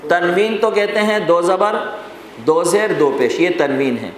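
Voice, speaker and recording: High-voiced teacher in an echoing hall. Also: male voice, lively intonation. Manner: explains rules step by step, quizzing students and repeating lists. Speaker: Quran recitation teacher. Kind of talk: classroom lesson. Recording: very echoey hall with faint noise.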